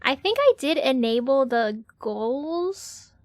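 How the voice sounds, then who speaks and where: A woman's voice: sits high, expressive, slow pace, no echo. A woman livestreamer chatting casually in a cute anime-streamer manner. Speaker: streamer, VTuber host. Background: faint music.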